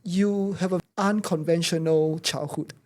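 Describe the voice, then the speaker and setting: Woman interview host, mellow and fairly low, prompting her guest with short encouraging replies. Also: fairly even intonation, measured pace. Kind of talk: casual interview conversation.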